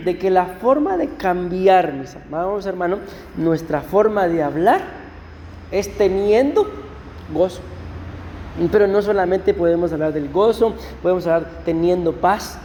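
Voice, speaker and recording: A male pastor giving a conversational sermon to his congregation, often slowing down to read verses aloud. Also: high voice, expressive, a little mellow, big-room sound, a little hiss or hum. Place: church.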